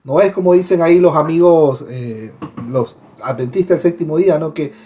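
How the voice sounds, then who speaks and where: A man in a conversational Bible discussion, animated and storytelling, often asking his listeners questions. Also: a little high, moderate pace.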